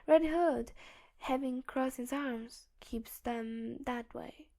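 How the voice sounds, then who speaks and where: A woman narrating a fan audiobook in a steady, measured storytelling manner. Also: high voice, gravelly.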